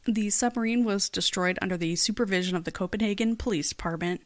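A woman's voice: mid-range voice, fast. A woman co-hosting a casual podcast, reading out case facts in a plain recap with dry, blunt asides. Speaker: podcast co-host.

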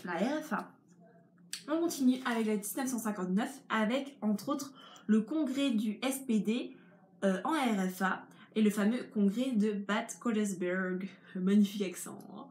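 A woman's voice: mid-range voice, darkish tone. A young woman giving an informal history lesson, explaining step by step in a chatty way. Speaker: history tutor. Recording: echoey room with faint ambience.

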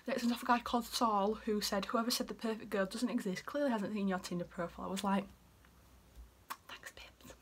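A woman's voice: medium pitch, fairly even intonation, quick pace, few pauses, slight background noise. A young woman in her twenties with a Yorkshire accent, chatting casually as she reads out messages and often drops into a whisper. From Yorkshire, England. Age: 20s. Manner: chatty, giggly, dips into whispers. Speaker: vlogger. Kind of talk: casual chat reading out messages.

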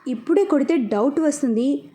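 Spiteful young man in an audio story, slow mocking asides, read by a woman. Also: high voice, dark tone, lightly acted. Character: scheming young man, spiteful toward cousin.

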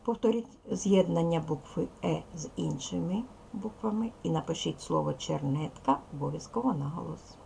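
A woman's voice: low-pitched, normal speed, creaky, mellow, a little hiss or hum. A woman teaching second graders in a recorded video lesson, patiently spelling out sounds and syllables one by one. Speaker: primary school teacher.

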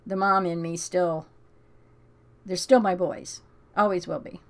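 Rambling older woman host, lowish voice. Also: steady tone, unhurried, a bit bright. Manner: rambling, frequent ums and restarts; emotional, close to tears. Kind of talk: casual chat and scripture reading.

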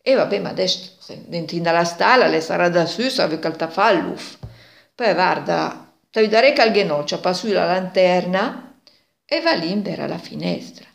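A woman's voice: lowish voice, expressive, moderate pace, vocal fry. A woman in her sixties with a Milanese accent, telling a story informally in dialect and acting out bits of dialogue. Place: small kitchen indoors. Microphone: phone at arm's length. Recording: echoey domestic room.

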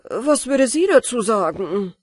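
A woman's voice: on the high side, big pitch swings, measured pace, darkish tone, breathy edge, dry recording, full character voice. Woman doing a cheeky young fisherman. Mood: eager, cheeky.

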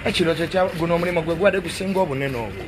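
A man's voice: fairly high pitch, racing, noisy background. Chatty Ugandan man on a phone tour. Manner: chatty, joking, laughs easily. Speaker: tour guide filming a stadium walk. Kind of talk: casual walking tour chat. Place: outdoor stadium stands. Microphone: phone camera.

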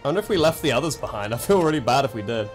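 A man's voice: mid-range voice, very animated, rapid-fire. A young man streaming a game, talking in a jokey mock pirate voice and saying "arr" a lot. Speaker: streamer playing a pirate character. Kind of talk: casual gaming chat in a pirate voice. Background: game music.

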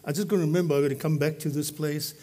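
A man's voice: fairly high pitch, steady tone, very fast, warm tone. A man preaching a sermon as pastor, talking to the congregation in a conversational, joking way. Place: church.

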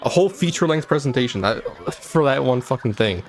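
Fast and lively in intonation, his medium-pitched voice carries profane let's-play commentary. The young host keeps swearing and tossing rambling jokes at a game boss, speaking into a desk microphone.

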